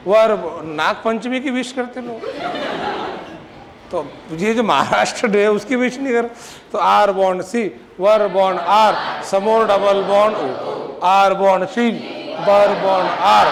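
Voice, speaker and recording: Male coaching teacher, high voice, drills and teases a class, noisy room. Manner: drills students, chants formulas, teasing scolds. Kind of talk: classroom lecture.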